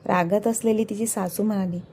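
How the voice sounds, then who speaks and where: Mellow-voiced woman narrating a story. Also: mid-range voice, a little fast, slightly rough. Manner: steady, dramatic storytelling.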